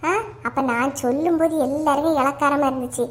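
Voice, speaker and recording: A woman's voice: sits high, steady tone, brisk. A woman voicing a comedy cartoon in chatty, gossipy Kanyakumari Tamil village dialogue. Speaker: cartoon voice artist.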